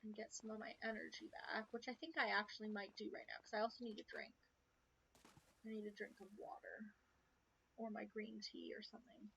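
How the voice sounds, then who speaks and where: A woman's voice: medium pitch, fairly even intonation, brisk, vocal fry, sharp tone. A woman giving casual commentary on her own farming game stream, chatting to herself with muttered asides. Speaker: let's play streamer. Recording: slightly dull stream audio, faint hiss.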